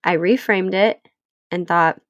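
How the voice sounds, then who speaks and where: Stuffed up from a cold, a thirty-something woman talks solo on her own podcast, earnest and encouraging. She speaks at a measured pace in a voice on the low side; the audio is dull, with no room sound.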